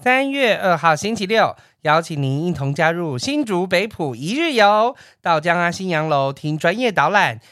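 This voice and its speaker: A woman's voice: on the low side, very animated, normal speed, few pauses, a bit bright, dry recording, studio quality. A woman with a Taiwanese Mandarin accent co-hosting a podcast in a casual style. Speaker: podcast co-host.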